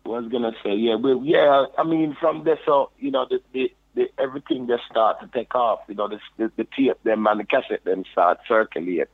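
Over a tinny phone line, a reggae deejay from the UK tells his story casually on a podcast, with a Jamaican patois accent from London and lots of "you know." His medium-pitched voice is husky and creaky, running a little fast with hardly any pauses.

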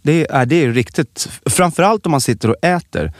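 A man's voice: on the high side, no echo, studio quality. A man co-hosting a podcast, chatting casually and telling stories with lots of restarts. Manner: animated storytelling, many restarts. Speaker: podcast co-host. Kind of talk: casual chat.

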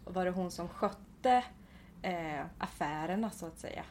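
A woman hosting an interview, gentle and affirming, asking careful follow-up questions. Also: lowish voice. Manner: gentle, affirming with short backchannels. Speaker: podcast host.

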